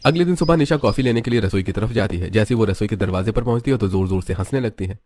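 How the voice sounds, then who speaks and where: A man's voice: on the low side, fast, darkish tone. A man narrating a cartoon story in a plain, scripted storytelling style.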